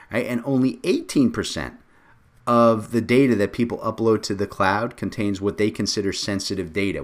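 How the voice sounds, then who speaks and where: A man co-hosting a podcast in casual discussion, lively and joking, often tagging his points with questions. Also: fairly low pitch. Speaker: podcast co-host.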